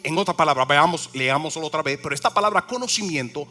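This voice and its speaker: A man's voice: a little high, expressive, fast talker, pushed and bright. A male pastor preaching a sermon with emphasis, repeating key words and asking the congregation questions.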